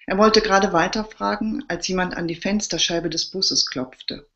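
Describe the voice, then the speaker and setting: A woman, the author, reading her crime novel aloud live in a steady narrating voice. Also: medium pitch, normal speed, dull audio.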